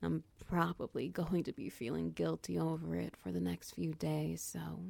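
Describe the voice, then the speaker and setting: Woman doing a doting dominant gf, soft and mellow, kinda low, whispery comfort close to the mic. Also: steady tone, vocal fry, no echo, heavily acted. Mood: tender. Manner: soft, slow, reassuring, half-whispered. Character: tender protective dominant girlfriend, doting and patient. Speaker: audio roleplay performer. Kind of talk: whispered ASMR comfort roleplay.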